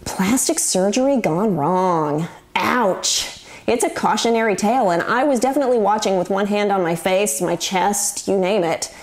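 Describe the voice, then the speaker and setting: A woman's voice: mid-range voice, a little fast, few pauses. Wry gossipy woman in her forties. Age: 40s. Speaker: host. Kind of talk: scripted commentary to camera.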